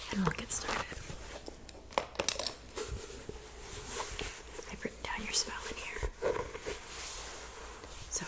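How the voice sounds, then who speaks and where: A woman voices a kindly, slightly fussy woodland witch mixing love potions in an ASMR roleplay, speaking in a soft, breathy whisper at an average female pitch. Her natural voice stays gentle, attentive and unhurried.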